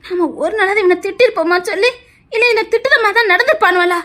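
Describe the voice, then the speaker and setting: A woman's voice: very high voice, fast, sharp tone. A woman playing a doting but fierce mother figure with a Tirunelveli Tamil accent. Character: doting, angry aunt-mother.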